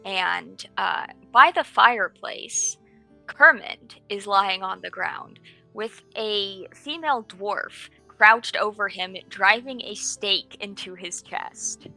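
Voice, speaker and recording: A woman runs a tabletop game, describing each scene slowly and with care. Her voice is bright and carries a gravelly fry. It sounds dry and close, with faint music playing behind her. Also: mid-range voice, no room sound, rough recording. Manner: unhurried, descriptive scene-setting. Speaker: game master.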